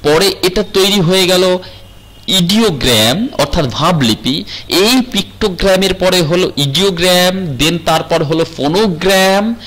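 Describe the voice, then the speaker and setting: A man's voice: high voice, measured pace, a bit bright, low-quality recording. A male teacher giving a recorded lecture, explaining step by step, often checking with the class and mixing in English terms.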